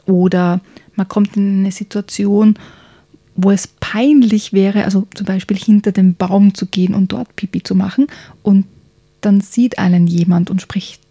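Slow, gravelly-voiced woman reading softly. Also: mid-range voice, steady tone, no room sound, studio quality. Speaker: podcast host presenting a children's book. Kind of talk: reading a children's story aloud, then chatting.

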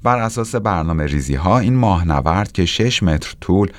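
A man's voice: deep voice, expressive, no echo. A man presenting technology news as scripted narration.

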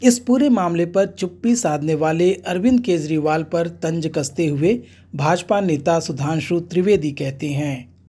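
A news anchor reading a formal political news report in steady, measured Hindi newsreading. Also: mid-range voice, husky. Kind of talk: scripted news narration.

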